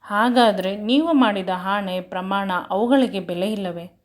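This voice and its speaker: A woman's voice: medium pitch, unhurried, lightly acted. A woman reading a shy, pleading young bride-to-be. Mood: earnest.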